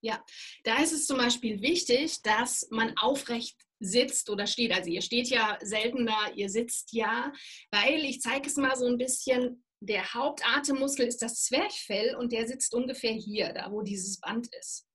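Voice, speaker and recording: A woman working as a voice and presentation trainer, explaining calmly and instructively in an interview. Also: on the high side, measured pace, slightly rough. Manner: calm, instructive, demonstrates breathing.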